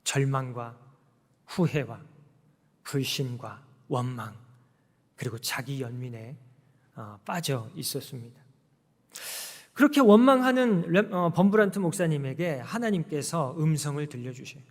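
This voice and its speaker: A man's voice: mid-range voice, animated, a little slow, pauses often. A man preaching a sermon as pastor, telling a story with emphatic rises and acting out quoted prayers. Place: church sanctuary. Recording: long church hall reverb.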